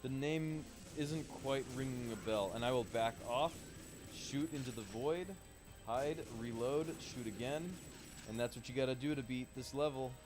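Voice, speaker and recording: Swearing game streamer with game music. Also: male voice, mid-range voice, normal speed. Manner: swears freely, chats loosely while playing. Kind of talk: casual let's-play commentary.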